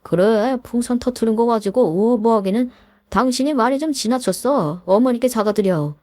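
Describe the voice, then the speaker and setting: A woman's voice: a little high, normal speed, dark tone, no echo, studio quality, natural voice. A woman voicing an impatient husband who sides with his mother and curtly demands an apology. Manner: curt, demanding.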